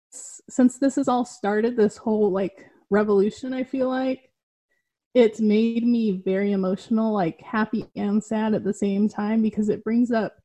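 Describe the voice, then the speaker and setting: Her voice is fairly high and mellow as she talks, a guest in a relaxed conversation. She sounds earnest and heartfelt, with plenty of "like" sprinkled through her speech.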